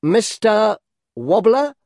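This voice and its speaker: Persistent gentleman, mechanical and repetitive, pitched up, played by a male narrator. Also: very animated, slow pace, no room sound, studio quality, full character voice. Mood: insistent. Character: persistent, patient gentleman seeking answers.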